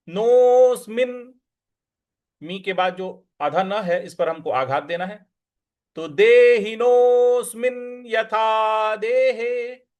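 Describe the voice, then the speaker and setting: A man teaching how to recite verses, chanting each word slowly and then quickly and quietly explaining how to pronounce it. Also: high voice.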